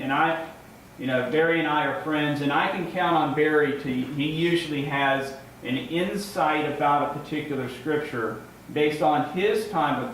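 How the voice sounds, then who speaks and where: Male lay preacher, informal and halting, repeats words and checks in with listeners; very reverberant room, distant mic. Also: mid-range voice, a bit bright. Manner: ends points with checking tags like "right?" and "okay?". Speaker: lay preacher giving a first sermon. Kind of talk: informal, conversational sermon. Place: large echoing indoor room, before a congregation. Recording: very echoey room, distant mic, faint noise.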